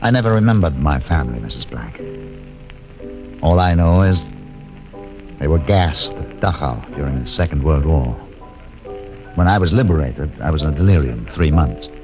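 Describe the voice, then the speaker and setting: A solitary, haunted doctor of science in a vintage radio drama. The voice is deep and formal, moving widely in pitch, with music on the recording. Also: male voice, animated, poor audio. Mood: guarded, somber. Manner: formal, measured. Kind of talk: old-time radio drama acting.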